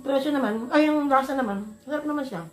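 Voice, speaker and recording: A woman's voice: sits high, very fast, darkish tone. Filipino woman chewing while reviewing food. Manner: chatty, polite, thinks aloud. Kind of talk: casual food review vlog. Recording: roomy echo.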